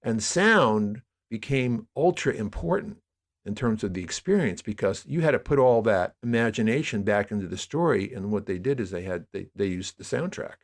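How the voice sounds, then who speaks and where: A man with a lowish, animated voice speaks at a moderate pace as a podcast guest. He's an audio drama producer, and in this conversational interview he explains media history at length, telling it in a discursive, emphatic storytelling style.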